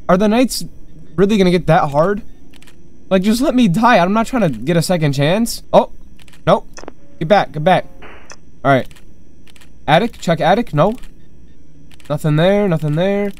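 A man's voice: high voice, lively intonation, unhurried, long pauses, a little mellow. A man hosting a horror game let's play, confused and jumpy, talking to himself as he plays. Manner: jumpy, confused, talks to himself while playing. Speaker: gaming channel host.

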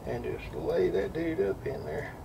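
Painting lures in an indoor workshop, this man gives a relaxed, folksy how-to demonstration. His medium-pitched voice is very animated, gravelly and a little slow, picked up by a distant mic over a noisy workshop.

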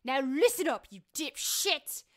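Foul-mouthed accused witch, very high, slow and crude, comedy audio drama. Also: big pitch swings, fairly bright tone, heavily acted. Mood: scornful. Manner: crude, insulting, slow drawl.

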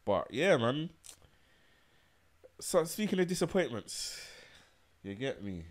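A man's voice: medium pitch, big pitch swings, slow pace. A young man co-hosting a podcast, telling stories in a laid-back way full of slang. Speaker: podcast co-host. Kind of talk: casual chat.

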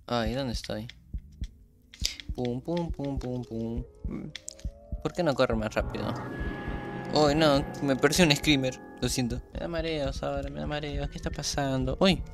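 A man's voice: mid-range voice, slight background noise. A young man chatting casually while playing a horror game, rambling and restarting his sentences, with trouble pronouncing his R sound. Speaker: gaming YouTuber.

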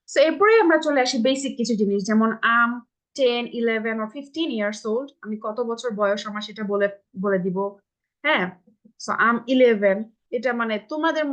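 A woman's voice: on the high side, a bit bright. A woman with a Bangladeshi accent teaching English to children in an online live class over a video call, patiently repeating model phrases and checking that everyone understands.

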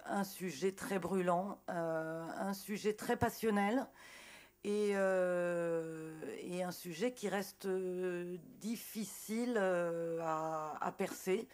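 Middle-aged woman on a panel, low voice, talks slow with lots of euh, table mic in a big auditorium. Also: darkish tone. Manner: halting, many fillers, reflective. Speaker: journalist on a panel. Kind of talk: panel talk at a conference. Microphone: table microphone on gooseneck.

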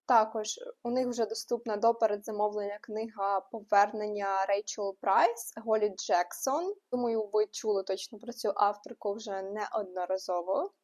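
A young woman hosting a book news vlog, running through new releases with quick asides and frank opinions. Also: mid-range voice, darkish tone. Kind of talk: casual book news roundup.

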